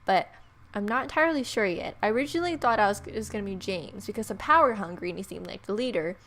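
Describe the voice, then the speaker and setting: Over game music and slight background noise, a female let's play host reads the story aloud with playful, informal jokes mixed in. She speaks fast and expressively in a medium-pitched, somewhat bright voice.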